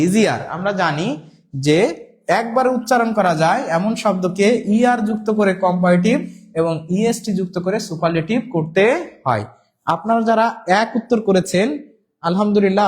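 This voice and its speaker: A man with a fairly high voice teaches a live online class. He explains step by step, repeats each word and spells words out letter by letter. He reads the viewers' comments aloud as he goes. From Bangladesh. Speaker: English teacher.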